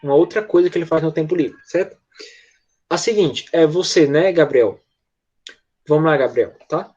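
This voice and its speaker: A man with a Brazilian accent teaches English online, taking his pupils patiently through repeated phrases and checking in often with quick tag questions. His voice sits on the high side and is a little mellow, captured with lo-fi sound.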